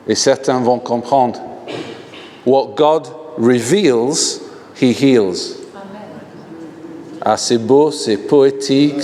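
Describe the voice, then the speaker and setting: A man's voice: medium pitch, a little mellow. A man with an English accent speaking French as a guest minister at a healing service, joking and laughing often and calling on the crowd to raise hands. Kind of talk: animated healing-service preaching. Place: large church hall. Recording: long hall reverb.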